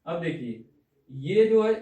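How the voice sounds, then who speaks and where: High-voiced male teacher in an echoey classroom. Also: big pitch swings, slow, mellow. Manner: checks understanding with repeated "theek hai na?". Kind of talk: classroom lecture on Hindi grammar. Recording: echoey room, distant mic.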